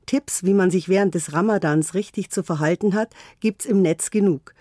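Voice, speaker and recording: A woman narrating a scripted radio report in an even, formal manner. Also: lowish voice, normal speed, no echo, clean studio sound.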